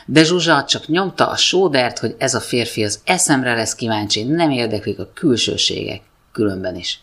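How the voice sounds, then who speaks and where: A woman's voice: rumbling low, animated, a bit bright, slightly rough. Woman reading a wry comic story. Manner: dry, wry comic delivery. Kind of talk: first-person humorous story reading.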